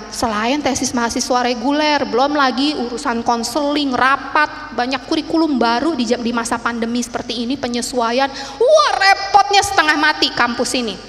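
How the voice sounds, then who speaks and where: Woman preacher, high voice, lively story-telling sermon, long church echo. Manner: animated, conversational, swings from loud to soft. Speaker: evangelist preacher. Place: church sanctuary. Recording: long church reverb, faint room noise.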